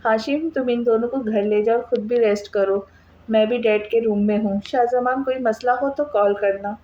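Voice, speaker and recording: A woman voicing a calm, gentle older brother who speaks soothingly in a read-aloud novel. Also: extremely high pitch, normal speed, highs cut off.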